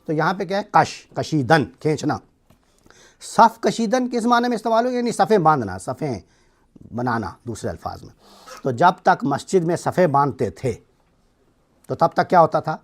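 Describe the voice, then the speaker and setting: A man's voice: fairly high pitch, sing-song. A middle-aged man with a Pakistani accent teaching a class, explaining step by step and checking that his students follow. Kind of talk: classroom lecture.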